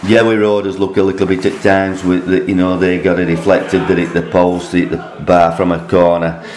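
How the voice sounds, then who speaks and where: A man, a club secretary speaking upbeat and plainly after a match. His voice is very deep. The sound rings with a roomy echo. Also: level tone, normal speed, a little mellow. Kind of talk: post-match interview. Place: football stadium.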